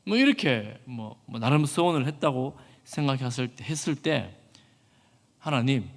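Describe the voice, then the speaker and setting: A man preaching a sermon as pastor, earnest and animated. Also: medium pitch, moderate pace. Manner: earnest, animated, acts out quoted speech. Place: church hall. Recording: echoey church hall.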